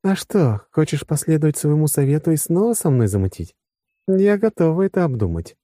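A man's voice: a little high, sing-song, fairly quick, warm tone, dry recording, studio quality, pitched above the performer's own voice. A man voicing a young woman officer in an audiobook, teasing and touchy, flaring up over what she holds. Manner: teasing, flaring into possessive outbursts. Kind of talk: audiobook character voice.

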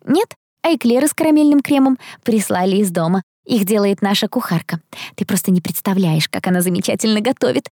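A woman's voice: mid-range voice, animated, brisk, warm tone, dry recording, clean studio sound, natural voice. A woman voicing a chatty, spoiled, dreamy young female student in an audiobook. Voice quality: bubbly, talkative. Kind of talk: audiobook character voice.

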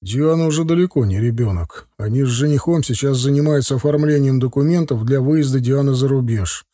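A man voicing a tired middle-aged father and lecturer in an audiobook, placating and slow. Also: mid-range voice, dark tone, no echo, studio quality, lightly acted.

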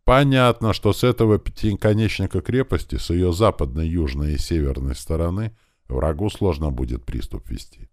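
A man's voice: low-pitched, expressive, normal speed, darkish tone, no room sound, clean studio sound. A man voicing an eager senior military engineer who presses his point earnestly, in an audiobook reading. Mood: insistent.

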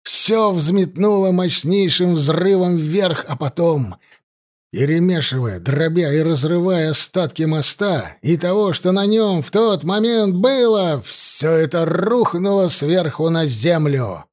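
A man's voice: on the high side, animated. Man narrating a dramatic audiobook. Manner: dramatic, slows down for emphasis.

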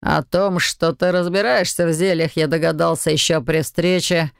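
A reader voicing an arrogant, cold male shadow mage who talks slowly and condescendingly in an audiobook. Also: fairly high pitch, steady tone, gravelly, smooth, no echo, studio quality. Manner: sneering, condescending, unhurried. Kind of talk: audiobook character reading.

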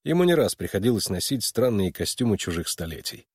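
A man narrating a novel in a measured, expressive reading voice. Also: on the low side, husky, no echo, clean studio sound. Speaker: audiobook narrator. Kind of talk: scripted narration.

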